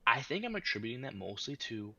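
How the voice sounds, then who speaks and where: A man's voice: mid-range voice, big pitch swings, quick pace, sharp tone, slightly rough, no echo, dull audio. A young man co-hosting a podcast in casual chat, tossing in jokey quips. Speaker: podcast co-host.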